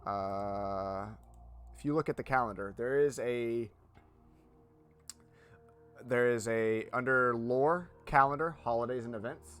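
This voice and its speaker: A man with a medium-pitched voice runs a tabletop game as its game master. He explains lore informally and matter-of-factly, over faint background music. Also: slow pace, pauses often, fairly bright tone, clear, resonant tone.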